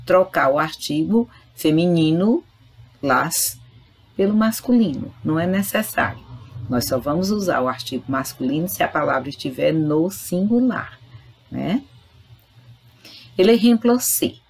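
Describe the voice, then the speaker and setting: Speaking straight to her students, a Spanish teacher patiently explains grammar in a recorded online lesson. Her low-pitched voice is expressive, measured in pace, and gravelly with a slightly rough edge.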